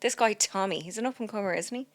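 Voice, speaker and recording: A woman's voice: medium pitch, fast talker, no echo. Irish woman joking through a podcast. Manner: joking, self-deprecating, rambling with fillers. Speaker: podcast co-host. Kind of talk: casual comedic chat. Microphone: studio podcast mic.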